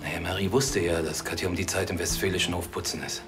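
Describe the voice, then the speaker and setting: A man's voice: low voice, fairly even intonation, fast, over music, lightly acted. A man playing a protective father under questioning, defensive, terse and aggrieved.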